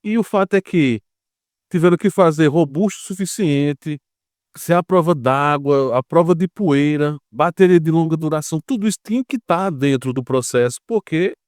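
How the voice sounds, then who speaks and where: In clean studio sound without echo, a Brazilian man with a slightly high, a little mellow voice talks at normal speed about geopolitics in Brazilian Portuguese. He explains things informally and conversationally, frequently asking rhetorical questions and adding short check-in tags.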